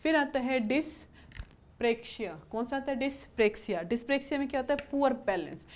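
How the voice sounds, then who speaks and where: A woman's voice: high-pitched, slow. A woman teaching an exam-prep lesson, repeating questions and answers to drill terms and mixing in English words. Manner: mixes English terms into Hindi explanations.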